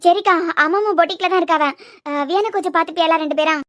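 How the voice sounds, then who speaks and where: A woman voicing an anxious, caring young woman in a cartoon serial, with quick questions and a Kanyakumari Tamil accent. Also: extremely high pitch, fairly bright tone.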